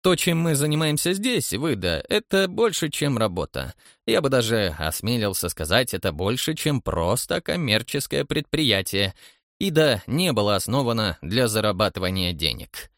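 A man's voice: mid-range voice, big pitch swings, moderate pace, fairly bright tone, no room sound, studio quality. A man voicing a pompous elderly director of a large agency who speaks in lofty, grandiloquent phrases. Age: older. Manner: grandiloquent, then pleading and flustered.

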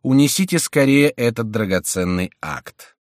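A man voicing a cold, calculating churchman with a measured manner. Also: medium pitch, animated, dry recording, clean studio sound, pitched above the performer's own voice, close to an everyday voice.

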